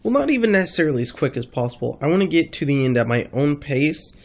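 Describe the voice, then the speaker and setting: A man with a congested, stuffy-nosed voice talking casually in a rambling gaming vlog, halting as he thinks. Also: fairly high pitch, big pitch swings, creaky. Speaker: gaming video creator.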